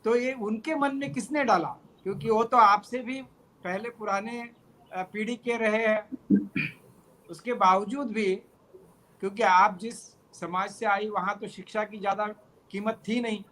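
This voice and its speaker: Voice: mid-range voice, steady tone, a little slow, a bit bright, rough recording. An interviewer who asks long, polite questions and praises the guest.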